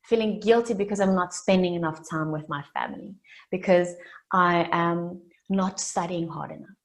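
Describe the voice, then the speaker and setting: Her voice sits on the low side as she gives a sincere keynote meant to inspire. She is a summit speaker in her late twenties, a South African woman who grew up speaking Afrikaans, and she repeats key lines deliberately to shape her story.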